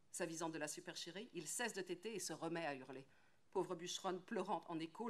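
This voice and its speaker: A French actress reading a tale aloud, rhythmic and lilting, leaning on repeated phrases. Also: female voice, mid-range voice. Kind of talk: expressive literary reading.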